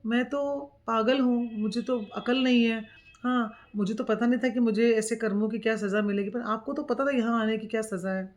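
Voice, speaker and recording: A woman's voice: steady tone, normal speed, lightly acted. Woman voicing a desperate pleading young son. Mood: tearful pleading. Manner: pleading, rising to high loud outbursts.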